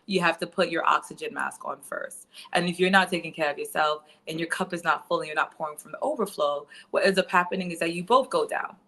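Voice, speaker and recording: A woman in her thirties talks through her stories as an interview guest, her voice bright and forward. She talks loosely, filling her sentences with "um" and "you know.". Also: fairly low pitch. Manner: chatty, many fillers like um and you know. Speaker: guest financial educator. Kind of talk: casual interview storytelling.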